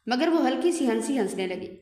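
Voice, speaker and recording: A woman's voice: high-pitched, animated, dark tone. Emotional woman narrator, echoey room. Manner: emotional, earnest. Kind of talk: dramatic story narration. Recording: echoey room with long reverb.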